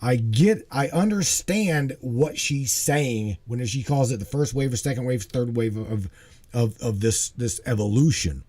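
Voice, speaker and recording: A man in his forties hosts a casual livestream in a mellow, warm voice. He talks animatedly and emphatically. He repeats himself and keeps checking in with his listener. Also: mid-range voice, lively intonation, unhurried, breathy edge. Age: 40s. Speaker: host.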